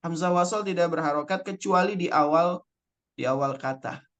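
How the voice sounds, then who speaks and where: A man's voice: fairly high pitch, a bit bright. A young man teaching an online Arabic spelling lesson, patiently explaining rules step by step and repeating key words. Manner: recites Quranic verses slowly in chant.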